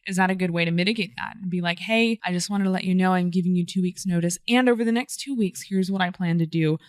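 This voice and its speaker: A woman's voice: lowish voice, fast, no echo. Emphatic woman co-host, dry close mic. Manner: emphatic, lively, laughs often. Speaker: podcast co-host. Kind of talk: casual chat.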